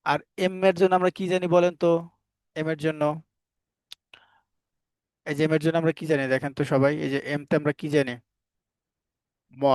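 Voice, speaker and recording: An English teacher gives a phonics lesson for Bengali learners in a slightly high voice. He puts questions to the class and answers them himself, then spells each word out sound by sound. The audio is close and dry, without room echo.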